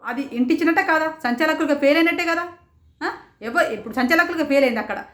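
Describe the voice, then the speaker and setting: Fast, high-voiced woman. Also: reverberant. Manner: rapid, rhetorical, indignant, quotes others in raised voices. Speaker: show reviewer. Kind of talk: passionate commentary.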